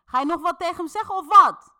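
A woman voicing an angry woman who yells insults at a waiter. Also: animated, fast, heavily acted. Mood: furious. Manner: shrill, insulting, yelling. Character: furious loud woman lashing out.

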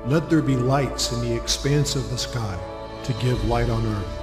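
A man giving a solemn, grand biblical narration in a measured, dramatic scripted reading. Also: mid-range voice. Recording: echoey hall reverb, loud new-age music. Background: loud new-age background music.

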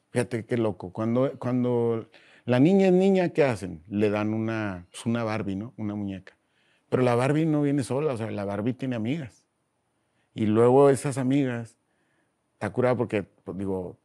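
A man with a Mexican Spanish accent talks through a relaxed interview in a warm, mellow, darker tone. He speaks in slangy, animated bursts and jumps into little voices while he tells his stories. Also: medium pitch. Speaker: guest. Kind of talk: casual interview chat.

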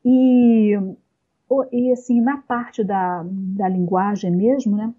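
A woman talking at length in a casual conversation, explaining points slowly with many fillers and pauses. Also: medium pitch, fairly even intonation, warm tone, dull audio. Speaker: guest speaker on communication.

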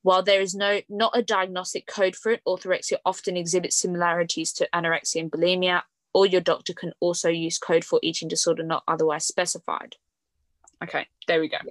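A young woman talks in a casual podcast chat, her voice sitting on the lower side. The sound is dry and close, with no room around it. She rambles easily, full of fillers and quick laughs. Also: little pitch movement, no room sound. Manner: chatty, fillers like "like" and "um", laughs often. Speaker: podcast host.

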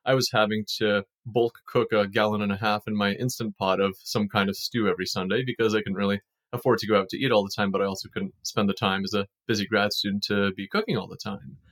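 Young founder dude, lowish voice, just steady explaining stuff in an interview. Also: male voice, fast. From Ukraine, raised in Kansas and Massachusetts. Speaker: startup founder guest. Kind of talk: casual interview answers.

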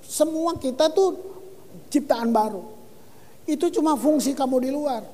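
A man preaching a lively sermon as pastor, reading scripture and exclaiming. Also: extremely high pitch, unhurried, big-room sound. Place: church hall.

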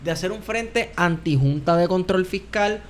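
A man's voice: high voice, moderate pace. A man with a Caribbean Spanish accent, casually discussing politics as a podcast panelist. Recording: clearly noisy background ambience.

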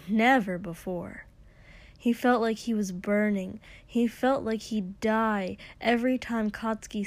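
A woman narrating an intimate story in a slow, hushed, breathy way, sometimes dropping into a whisper. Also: mid-range voice. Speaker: audiobook reader. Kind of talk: intimate fan fiction reading.

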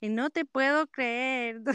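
A Chilean-accented woman co-hosts a podcast, casually telling rambling stories from under a duvet in bed and laughing often. Her voice sits high, slow, a bit bright and smooth, captured dry through headphones with a computer.

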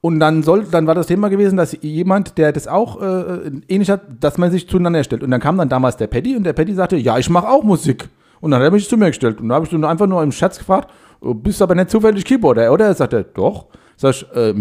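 A man in his forties, a podcast co-host, telling a long casual story in a rambling, halting way full of fillers and restarts. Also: a little high, expressive, a little mellow.

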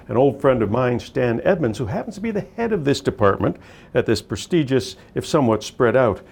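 A man co-hosting a casual on-location interview, with a gravelly voice and hallway echo. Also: mid-range voice, very animated, fairly quick, a little mellow. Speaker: co-host and interviewer. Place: indoor school hallway.

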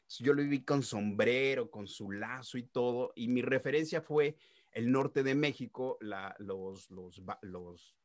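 Animated voice actor, dry close sound. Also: male voice, medium pitch, measured pace, no room sound. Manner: animated, with sound-effect interjections and restarts. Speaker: voice actor guest. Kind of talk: casual interview storytelling.

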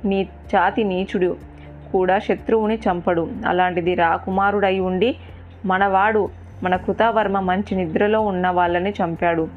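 A woman's voice: medium pitch, steady tone, measured pace, lightly acted. A woman storyteller voicing a male warrior prince in her own plain voice. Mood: dismissive. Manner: plain speech in the narrator's own voice. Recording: tinny phone-like sound, faint music.

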